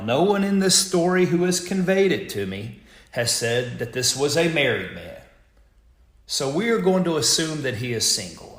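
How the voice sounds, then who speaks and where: A man, a podcast host telling a long joke with folksy asides. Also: medium pitch. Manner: animated storyteller with folksy asides. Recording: echoey room.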